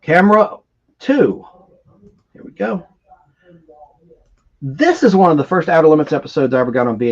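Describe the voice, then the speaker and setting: Higher-voiced geeky man, dull lo-fi audio. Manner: enthusiastic, geeky, digressive. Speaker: host of a nostalgic TV trivia live stream. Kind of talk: rambling casual live-stream chat.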